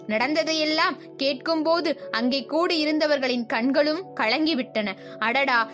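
A young woman narrating a children's story for an audiobook in a steady, clear storytelling manner. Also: high voice, moderate pace, faint music behind. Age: young adult.

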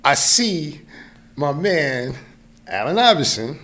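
Speaking slowly with big pitch swings, this forties-aged New York man has a slightly high, somewhat bright voice. As a guest in a small indoor podcast studio, close to a boom-arm mic, he shares a personal story casually and frequently checks in with the listener.

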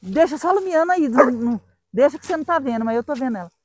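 A woman's voice: high voice, expressive, rapid-fire, background noise. A woman with a Brazilian Portuguese accent, filming a vlog outdoors on a phone and tenderly coaxing a stray dog. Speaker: vlogger rescuing a stray dog. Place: outdoors in scrubland by a car.

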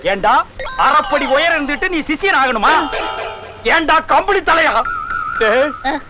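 A man's voice: very high-pitched, expressive, measured pace, over loud music. An actor playing an indignant sorcerer guru who rants and scolds his disciples in a film comedy. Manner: ranting, scolding, self-righteous.

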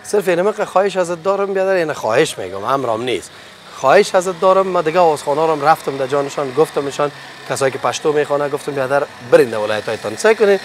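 A man with a somewhat high voice, pressing hard and making demands in a staged street confrontation. Faint street noise sits behind him. He plays it straight and intimidating. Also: animated. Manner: pushy, menacing, demanding. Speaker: hidden-camera prank host. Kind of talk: prank confrontation in casual street talk.

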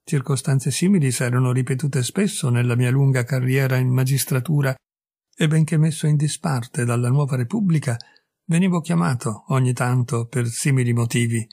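A man reading a classic short story aloud as narrator, in a measured, steady storytelling manner. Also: medium pitch, vocal fry, breathy edge, dry recording, studio quality.

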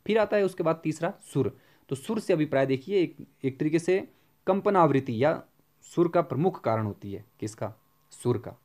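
A man giving an exam-prep Hindi grammar lecture, often asking a question and then answering it himself, and slowing down to spell out examples. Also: a little high, lively intonation, a little mellow.

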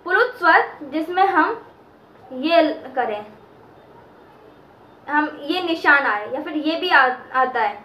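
A woman teaching a slow lesson, explaining step by step and repeating key terms. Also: high voice, expressive, bright, forceful tone, a little hiss or hum. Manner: repeats key terms and draws out chanted sounds. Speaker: Sanskrit teacher. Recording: echoey room.

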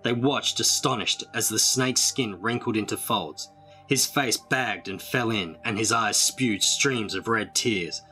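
A man reading a storybook aloud in a dramatic, measured way. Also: on the low side, bright, forceful tone, soft background music. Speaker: storybook reader.

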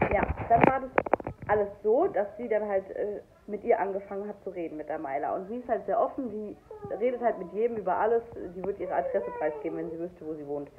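A woman's voice: medium pitch, lively intonation, quick pace. Young woman in her 20s ranting about a story, all worked up, sounds like a phone line. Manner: heated, indignant retelling. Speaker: young mother telling a story. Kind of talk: storytime vlog. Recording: tinny phone-like sound, faint noise.

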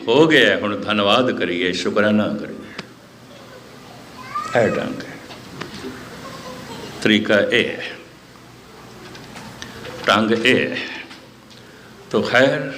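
A male preacher with a lowish voice giving a sermon. He moves slowly, repeating phrases, and speeds up when quoting others. A faint hiss sits under the recording. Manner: measured, repetitive phrasing, quotes listeners in lively asides. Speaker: Sikh scripture preacher. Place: gathering hall, abroad.

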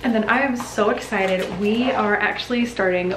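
A young woman vlogging as a mom, chatting enthusiastically about her haul, full of "like" and excitement. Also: mid-range voice, normal speed. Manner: bubbly, enthusiastic, chatty with many likes. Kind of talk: casual haul chat to camera. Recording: echoey room with faint background hum.

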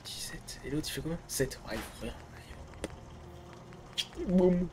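A man giving casual let's-play commentary, excitable, swearing, and muttering to himself between outbursts. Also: on the high side, moderate pace, noisy background. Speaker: gamer streamer.

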